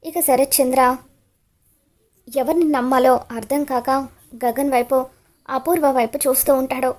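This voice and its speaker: A woman recounts the twists of a TV serial in dramatic storytelling style, tying each scene together with repeated linking phrases. Her voice is noticeably high. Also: fairly even intonation, normal speed, darkish tone. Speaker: narrator recapping a TV serial.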